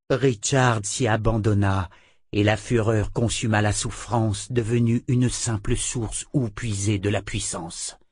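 A man narrating a fantasy audiobook in a measured, dramatic storytelling manner. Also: lowish voice, no room sound, clean studio sound.

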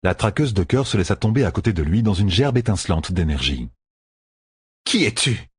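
A man with a husky voice narrating an audiobook with expressive storytelling. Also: low-pitched, fast talker, no room sound. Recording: dry close recording.

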